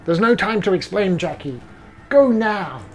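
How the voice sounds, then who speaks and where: A man's voice: sits high, animated, unhurried, soft background music. A man reading the lines of a serious male butler in a video game. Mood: urgent.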